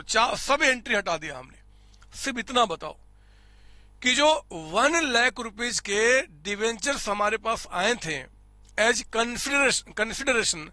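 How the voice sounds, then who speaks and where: A man's voice: very high voice, pushed and bright, dry recording. A man teaching an accounting class, explaining step by step, repeating figures aloud and calling his students his children. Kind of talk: classroom lecture. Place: recording studio. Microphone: close studio mic.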